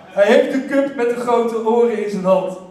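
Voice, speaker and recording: A man telling a humorous story to a live theater audience, lively and breaking into shouted exclamations. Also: extremely high pitch, normal speed. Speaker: stage storyteller. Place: theater stage. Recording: echoey theater from far off.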